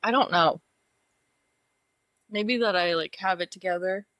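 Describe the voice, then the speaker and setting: A woman's voice: fairly low pitch, a little slow, fairly bright tone, dry recording. A young woman co-hosting a podcast in casual chat, laughing a lot and using filler words. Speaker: podcast co-host.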